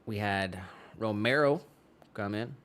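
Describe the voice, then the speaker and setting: Easygoing man doing stream shout-outs. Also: lowish voice. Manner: easygoing, chatty, drawn-out fillers. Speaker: livestream co-host. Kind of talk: casual chat and chat shout-outs. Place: pottery studio.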